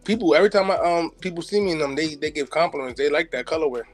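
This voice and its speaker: Guy cohosting a sneaker podcast, kinda high voice, slangy and jokey, faint music behind. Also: steady tone, fast talker. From United States. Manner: loose slangy joking, laughs often. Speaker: podcast co-host. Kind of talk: casual sneaker podcast banter.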